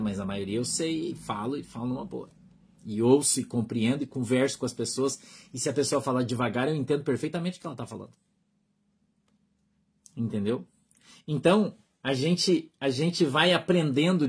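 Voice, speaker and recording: A man's voice: mid-range voice, husky. A Brazilian man with a Brazilian Portuguese accent, a pastor preaching in a conversational way and often checking that his listeners follow along. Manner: conversational preaching, keeps asking the flock "understood?". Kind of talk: sermon.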